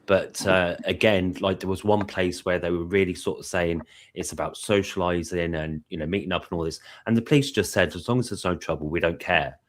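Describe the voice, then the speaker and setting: A man's voice: low-pitched, fairly even intonation, a little fast, hardly any pauses. A British man in casual live-stream chat, explaining at length with many fillers and restarts. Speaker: panel guest.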